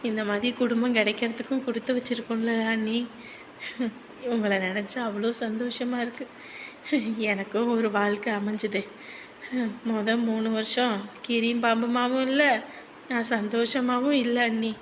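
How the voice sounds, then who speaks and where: An actress playing a warm-hearted married aunt, talking earnestly. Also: female voice, on the high side, little pitch movement, moderate pace, long pauses, slight background noise, natural voice. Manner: earnest, consoling, talkative. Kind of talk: village family drama.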